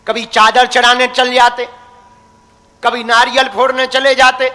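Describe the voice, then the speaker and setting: A man's voice: very high voice, little pitch movement, measured pace, sharp tone. A young man preaching a devotional sermon, teasing and folksy, calling his listeners his crazy ones. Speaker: religious preacher. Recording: long hall reverb.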